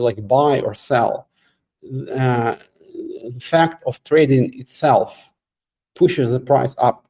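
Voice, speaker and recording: Male host, middle-aged, warm low-key voice, halting and filler-heavy live Q&A delivery. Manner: halting, many fillers and restarts, occasional laughs. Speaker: AMA host answering community questions. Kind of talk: casual live Q&A.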